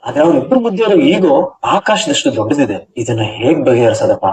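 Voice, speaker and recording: A man playing an earnest, fast-talking young brother-in-law. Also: mid-range voice, very animated, darkish tone, close to an everyday voice. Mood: pleading. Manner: earnest, speechifying. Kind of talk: TV serial acting. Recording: dull lo-fi TV audio.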